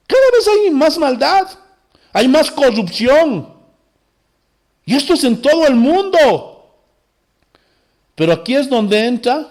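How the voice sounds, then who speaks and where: A man preaching a sermon as pastor, with impassioned swings from loud exclamations to low, quiet phrases. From Bolivia.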